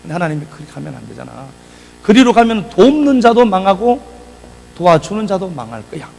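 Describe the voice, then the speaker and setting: A man's voice: high-pitched, big pitch swings, fairly quick, vocal fry, darkish tone, rough recording. A male pastor preaching a sermon in a church, reading scripture and breaking into casual, conversational asides.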